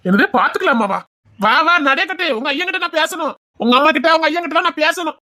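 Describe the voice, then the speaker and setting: Woman voicing a fast, hot-tempered village youth. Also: high-pitched, lively intonation, pushed and bright. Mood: bossy. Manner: scolding, bossy. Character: hot-tempered young village man, threatening.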